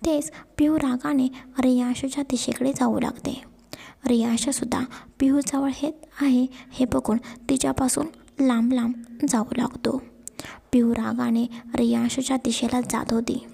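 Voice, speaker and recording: A woman tells a romantic story in a hushed, half-whispered voice. Her pitch is high and her tone dark and mellow, with some gravel in it. The recording carries a long reverb. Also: level tone, normal speed. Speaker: narrator. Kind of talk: storytelling narration.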